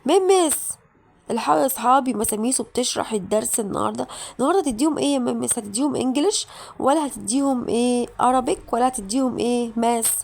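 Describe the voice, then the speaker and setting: A woman with an Egyptian Arabic accent narrating a mobile game playthrough, chatting straight to viewers and breaking into shouted reactions. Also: fairly high pitch, quick pace, gravelly. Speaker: gaming channel host.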